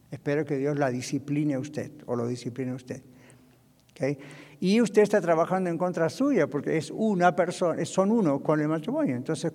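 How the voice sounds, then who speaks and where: High-voiced pastor preaching in a hall. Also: male voice, dark tone. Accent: Latin American Spanish. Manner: conversational preaching with asides to the congregation. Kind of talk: sermon on marriage. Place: church hall.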